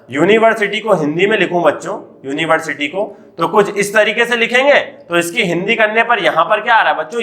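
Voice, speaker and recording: High, bright-voiced Indian man teaching. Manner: repeatedly asks and answers his own questions, addressing children. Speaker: English teacher. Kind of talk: classroom lecture.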